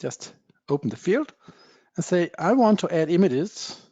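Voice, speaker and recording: A high-pitched, sing-song man demonstrates software a little slowly, explaining plainly with many "uh"s and non-native phrasing. His webinar audio is dull and dry, with no echo.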